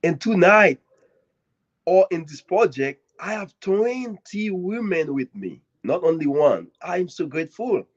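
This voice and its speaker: A Haitian man, appearing as a guest author at a live author event, gives an earnest and grateful speech with swinging emphasis and long dramatic pauses. His voice is high-pitched with big pitch swings, and the audio is dull and lo-fi.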